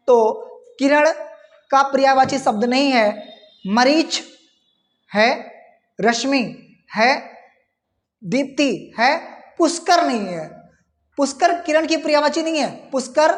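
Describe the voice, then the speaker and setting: A woman's voice: high voice, long reverb tail. A woman teacher going through exam questions, reading out the options and repeating key words. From India. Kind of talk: exam-prep lesson.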